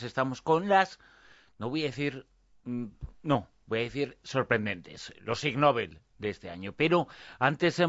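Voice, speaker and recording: A man's voice: medium pitch, fairly bright tone, no room sound. Radio host guy, bit of umming, dry muffled sound. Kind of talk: radio show hosting.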